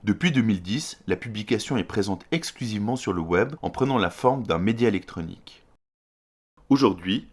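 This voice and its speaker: A man reading a scripted documentary voice-over in a measured, formal way. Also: on the low side. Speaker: documentary narrator.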